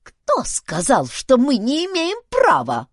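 A squeaky, creaking old chief who shrieks threats in a high, loud voice, put on by a woman reading the story. The delivery lurches wildly in pitch, and the recording is dry and close. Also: wildly swooping pitch, takes it slowly, no room sound, exaggerated voice. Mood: furious. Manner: shouting threats.

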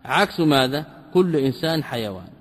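A man teaching a lesson, reading a classical text passage by passage and explaining it, asking rhetorical questions and repeating key terms slowly. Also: medium pitch, lively intonation, long reverb tail. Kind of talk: line-by-line commentary lesson.

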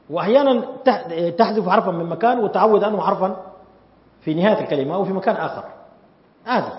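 A man teaching a grammar class, questioning his students as he lectures. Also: high-pitched. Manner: lively, asks the class questions. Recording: echoey hall, dull lo-fi sound.

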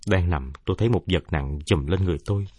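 A man reads a first-person war story in a somber, measured way. His voice sits low and husky, and the recording is dry and close with no room around it. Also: warm tone, dry recording. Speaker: narrator.

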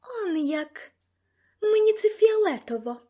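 A woman reading an audiobook voices a temperamental older female seamstress who talks shrilly and loudly, with sharp outbursts. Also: very high voice, very animated, takes it slowly, voice pushed up, exaggerated voice. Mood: furious.

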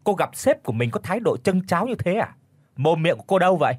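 Guy doing a snooty rich old mother-in-law, cutting, high-ish husky voice, dry sound. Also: sing-song, fast, darkish tone, dry recording, full character voice. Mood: scornful. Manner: scornful, cutting. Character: haughty rich older mother-in-law, scornful.

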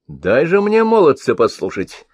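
A man's voice: fairly high pitch, huge pitch swings, a little slow, darkish tone, no echo, pitched above the performer's own voice, full character voice. A man doing an eager, curious sorcerer. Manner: eager, coaxing.

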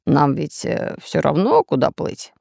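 Lady doing a deep slow pirate guy, red beard vibe, kinda scheming. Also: huge pitch swings, dark tone, no room sound, studio quality, exaggerated voice. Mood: gruff. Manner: deep gruff booming, slow.

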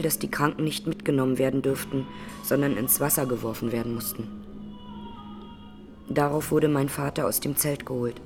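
In a radio drama, an actress portrays a grieving Armenian massacre survivor testifying in court, speaking plainly and solemnly with measured words. Her female voice rumbles low.

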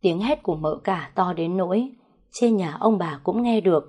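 A woman's voice: lowish voice, normal speed, mellow, slightly rough. A woman narrating a first-person family drama story, dramatic with sly asides.

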